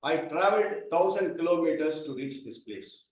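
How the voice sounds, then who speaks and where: A man's voice: fairly high pitch, lively intonation, moderate pace, darkish tone. A man, presenting a speaking workshop and patiently calling up volunteers. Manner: explains patiently, calls up volunteers. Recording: echoey hall, mic from far off.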